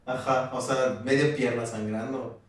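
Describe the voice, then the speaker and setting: A young man with a Mexican Spanish accent, chatting casually with wry, lively storytelling. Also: medium pitch, a little slow. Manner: lively, wry, laughing at his own mishap. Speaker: podcast co-host. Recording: echoey room, mic at a distance.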